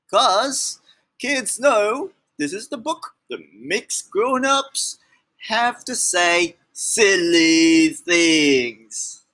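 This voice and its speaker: A man's voice: very high-pitched, expressive, slow, sharp tone. A man reading a storybook aloud to children, playful and exaggerated, talking straight to the child listening. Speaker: children's book reader.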